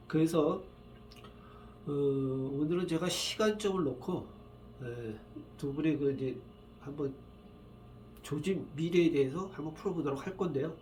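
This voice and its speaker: A saju fortune reader gives readings in a casual solo video, his voice roughened by a cold and tired from just waking up. He rambles haltingly with many fillers, his tone a little high and a little mellow, over slight background noise.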